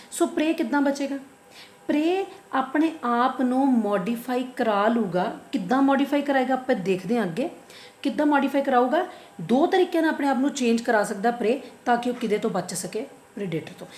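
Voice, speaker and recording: A woman's voice: a little high, darkish tone, echoey room. A woman with a Punjabi accent teaching biology in an online lecture. She asks her own questions, answers them, and repeats the key terms.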